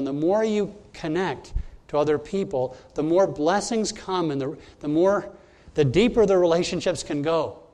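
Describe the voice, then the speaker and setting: A man's voice: a little high, a little mellow. A man who is a pastor, preaching a sermon to his congregation, emphatic and walking through his points one by one. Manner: emphatic, teaching point by point, addressing the congregation directly. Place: church service.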